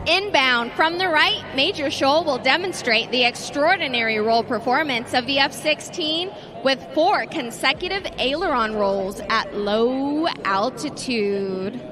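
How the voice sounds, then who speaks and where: A woman giving scripted airshow commentary in a measured, dramatic announcer style. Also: high-pitched, lively intonation. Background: loud music.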